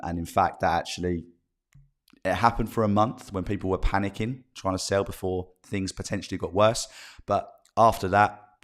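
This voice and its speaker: Low-voiced Essex man. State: slight cold in the voice. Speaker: live stream host, property agent. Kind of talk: informal live news bulletin with chat to viewers.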